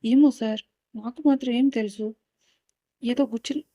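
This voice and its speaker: A woman reading out a curious, excitable younger sister who keeps asking questions. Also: on the high side, unhurried, no room sound, clean studio sound. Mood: astonished. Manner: bewildered, pestering questions.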